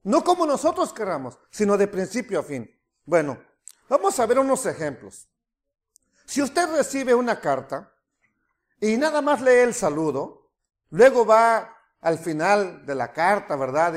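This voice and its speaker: A man preaching a sermon as pastor, animated, with mocking asides and rhetorical questions. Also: high voice, measured pace.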